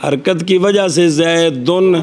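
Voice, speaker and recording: A man with a Punjabi accent teaching Arabic grammar in a classroom lecture, explaining in short phrases and prompting his students to repeat after him. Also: sits high. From Punjab, Pakistan. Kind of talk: classroom lecture with call-and-response.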